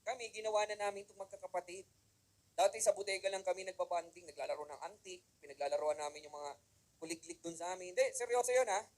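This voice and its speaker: Male motivational speaker, quick and slightly high, animated seminar delivery that keeps asking the room for agreement. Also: poor audio. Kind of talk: inspirational seminar talk mixing Tagalog and English. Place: room with a live audience.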